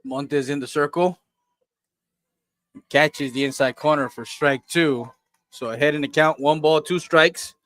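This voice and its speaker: Fairly high-voiced man calling softball. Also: fairly even intonation, a little slow, long pauses, no echo. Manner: plain play-by-play with fillers, reads sponsor spots. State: coughing fits. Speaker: play-by-play announcer. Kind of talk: local sports commentary.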